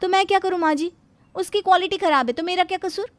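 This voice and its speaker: A woman's voice: high-pitched, a little hiss or hum, pitched above the performer's own voice, close to an everyday voice. Woman doing a cheeky big-eared young bride. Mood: defiant. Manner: cheeky, quick to snap back. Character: feisty young bride hiding huge ears.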